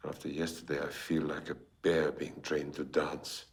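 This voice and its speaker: A troubled Viennese doctor in a film drama. His voice is very deep and he speaks with earnest weight. The sound has a roomy echo. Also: completely flat delivery, normal speed, creaky. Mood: brooding. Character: troubled middle-aged male Viennese doctor.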